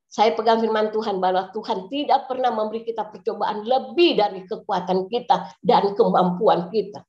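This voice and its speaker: A woman's voice: mid-range voice, moderate pace, darkish tone. A middle-aged woman pastor giving an earnest testimony sermon, often addressing her listeners directly. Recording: echoey, slightly dull recording.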